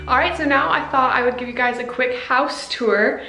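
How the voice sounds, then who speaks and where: A chatty young woman talks into a handheld camera, walking through her house. Her voice sits a little high for a woman. She is upbeat and casual and keeps slipping in "like" and "um". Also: normal speed, sharp tone, faint music behind. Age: young adult. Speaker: vlogger. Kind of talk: casual home vlog chat. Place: living room, then walking through a house, indoors. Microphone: on-camera mic, camera handheld at arm's length.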